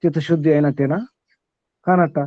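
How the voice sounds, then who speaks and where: A man's voice: a little high, fairly even intonation, fairly quick, no echo. A man giving a spiritual teaching to listeners. He asks them questions, repeats key words, and chuckles now and then. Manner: chuckles between points. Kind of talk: question-and-answer spiritual discourse. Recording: slightly dull, dry recording.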